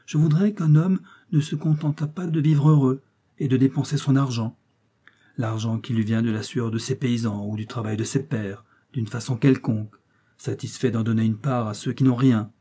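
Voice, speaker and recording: A man's voice: mid-range voice, steady tone, normal speed, dark tone, husky, lightly acted. A man reading the part of a proud, idealistic young Russian princess, speaking in impassioned, defiant speeches.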